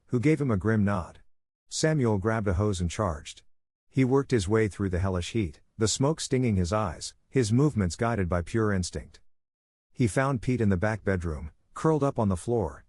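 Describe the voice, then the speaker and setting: Low-voiced man narrating a story. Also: a little mellow, dry recording, clean studio sound.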